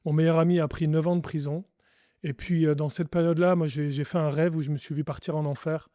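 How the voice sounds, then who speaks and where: A man's voice: a little high, level tone, fast talker, mellow, dry recording, studio quality. A French man, a pastor, giving his testimony in an earnest, reflective way with frequent restarts. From France. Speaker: pastor, podcast guest. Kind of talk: testimony interview.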